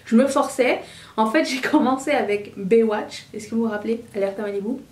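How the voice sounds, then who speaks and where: A woman's voice: on the high side, a little fast, distant mic. A woman in her thirties chatting candidly to camera, often restarting her sentences. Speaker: vlogger. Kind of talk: casual chat to camera. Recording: roomy, voice a bit away from the mic.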